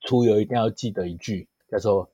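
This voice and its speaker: Low-pitched middle-aged Taiwanese Mandarin man. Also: brisk, mellow, husky, no room sound, lo-fi sound. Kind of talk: conversational storytelling.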